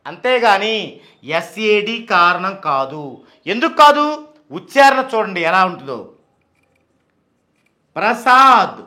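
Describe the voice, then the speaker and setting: A man with a very high-pitched, sharp voice gives an explanatory talk about how names sound. He asks and answers his own questions, slowly repeating names to demonstrate their pronunciation.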